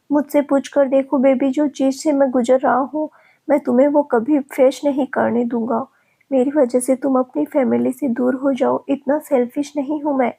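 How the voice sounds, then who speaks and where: A woman voicing a calm, protective young man who gently reassures his frightened partner. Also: high-pitched, gravelly.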